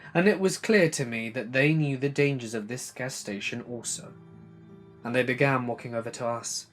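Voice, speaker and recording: A man narrating a first-person scary story in an earnest, steady way, over faint music. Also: mid-range voice.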